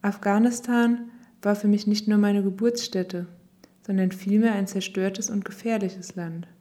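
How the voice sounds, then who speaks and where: Female reader, warm mellow tone, calm reflective delivery of a written memoir. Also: mid-range voice, unhurried. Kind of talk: scripted reading of a personal text.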